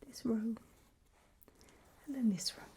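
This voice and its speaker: Close to the microphone, a woman plays a doctor giving a memory test in an ASMR roleplay, her fairly high voice a breathy, mostly unvoiced whisper. She reassures gently in short, halting phrases.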